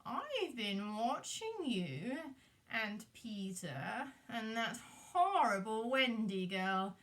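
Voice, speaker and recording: Woman playing gloating Captain Hook, drawn-out and loud. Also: fairly high pitch, big pitch swings, heavily acted. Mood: sly wheedling. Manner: drawn-out wheedling and theatrical villain's cackle. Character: sly, dastardly, grumpy male pirate captain, gloating villain. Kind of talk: puppet show villain acting.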